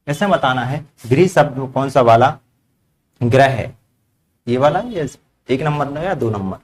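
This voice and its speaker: A man's voice: medium pitch, lively intonation, measured pace, a little hiss or hum. A man teaching a grammar lesson to a class, asking the students questions and repeating their answers back. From India.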